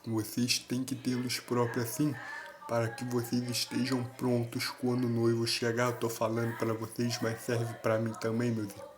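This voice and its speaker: A man's voice: medium pitch, monotone, moderate pace, low-quality recording. A man preaching an earnest sermon to video viewers, constantly addressing his listeners as brothers. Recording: background noise.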